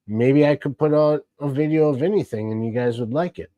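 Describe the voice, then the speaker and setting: A man's voice: medium pitch, fairly quick, dry recording, dull audio. A man casually hosting a live stream, rambling along and greeting chat viewers by name. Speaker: livestream host.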